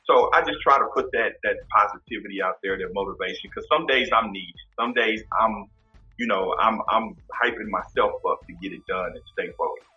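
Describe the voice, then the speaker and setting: A man in his fifties from Kansas City, Missouri, speaking as a guest in a casual interview in a relaxed, reflective way, often repeating words as he thinks. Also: lowish voice, fairly quick, dull audio, faint music behind. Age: 50s. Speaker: podcast host as guest.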